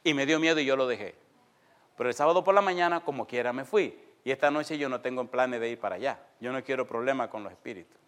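A man preaching a sermon, telling a personal story in an animated way with sound effects and quoted voices, speaking to his congregation. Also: mid-range voice, fast. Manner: folksy, addresses congregation.

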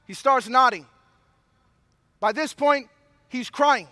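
A man's voice: extremely high pitch, takes it slowly, pushed and bright, dry recording, studio quality. A man preaching a sermon, a father who mixes impassioned preaching with personal stories. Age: adult father of young children. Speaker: pastor.

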